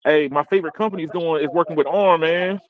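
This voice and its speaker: A man hosting a casual tech podcast, rambling with restarts and quick laughs. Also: a little high, dry recording, narrow, tinny audio. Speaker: podcast host.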